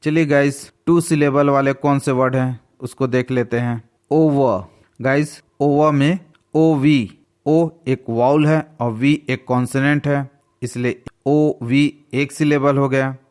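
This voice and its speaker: A male English teacher talks through his lesson at a very slow, careful pace. His pitch sits in the middle range, and he patiently spells words out letter by letter. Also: steady tone, a little mellow.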